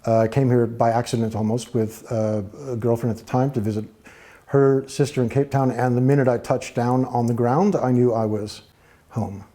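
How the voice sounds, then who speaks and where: A man from the United States with an American accent, a guest in a studio interview, talking in a thoughtful, measured way with frequent fillers. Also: medium pitch, fairly even intonation, mellow. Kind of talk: relaxed interview talk.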